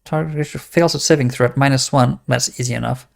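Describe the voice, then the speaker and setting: A man's voice: mid-range voice, fairly even intonation, fast talker, gravelly. A man giving casual game commentary, thinking aloud and reading text from the screen. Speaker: let's-play host.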